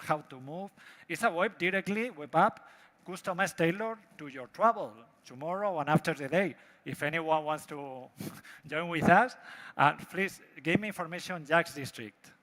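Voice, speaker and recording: A man from Spain with a Spanish accent, a native Spanish speaker giving a live product pitch in broken, halting English. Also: fairly bright tone. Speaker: startup presenter pitching a product. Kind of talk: live pitch presentation with demo. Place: large event hall. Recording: echoey hall with long reverb.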